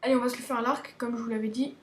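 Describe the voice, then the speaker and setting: High-voiced woman, chatty gaming commentary. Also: fairly even intonation, racing. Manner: chatty and playful, many restarts, talks to viewers. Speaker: gaming video host. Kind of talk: casual game tutorial commentary. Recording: roomy echo, faint background hiss.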